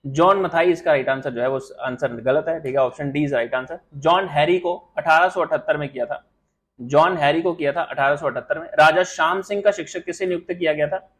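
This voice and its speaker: Speaking in a fairly high, slightly bright voice, a man coaching for exams hosts a live online quiz, rattling off questions and praising or ribbing viewers by name at a rapid clip. The audio is poor, with glitches from the live stream mic.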